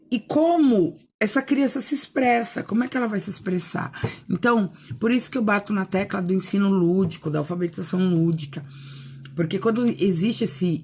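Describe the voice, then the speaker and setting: A woman teacher talks through an educational video lesson at an unhurried, slow pace. Her voice sits a little low and has a husky, breathy edge. She often asks a question and then answers it herself, and she breaks words apart syllable by syllable. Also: darkish tone.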